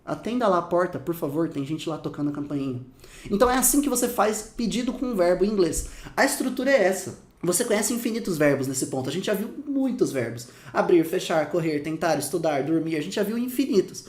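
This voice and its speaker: A man with a Brazilian Portuguese accent teaching English phrases in a casual lesson, lively and slowing down to repeat the examples. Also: high-pitched, roomy sound. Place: room with dogs barking outside.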